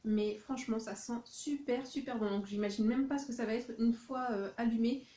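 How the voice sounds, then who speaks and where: A woman's voice: fairly high pitch, fairly even intonation, normal speed, dark tone, reverberant. A woman vlogging from her home office, chatting through a shopping haul with many hesitant fillers. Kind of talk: casual haul vlog.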